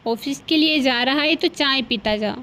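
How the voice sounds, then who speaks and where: A woman's voice: sits high, moderate pace. A woman voicing a scheming sweet-talking mother-in-law. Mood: coaxing. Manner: coaxing, heaps on flattery.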